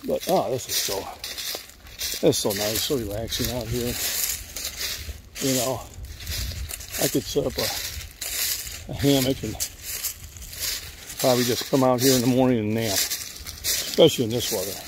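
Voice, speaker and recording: An older man walking through woods, rambling in a relaxed way to a phone at arm's length. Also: medium pitch, a little slow, long pauses, background noise. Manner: rambling, relaxed, thinking aloud while hiking. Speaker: vlogger. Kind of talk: casual walking vlog. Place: outdoors in woods. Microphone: phone held at arm's length while walking.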